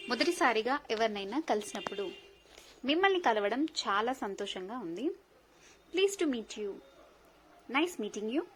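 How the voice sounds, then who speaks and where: A woman teaching polite English phrases, reading each one slowly and then giving the translation quickly. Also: fairly high pitch, sharp tone, a little hiss or hum, poor audio. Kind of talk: slow phrase-by-phrase language lesson.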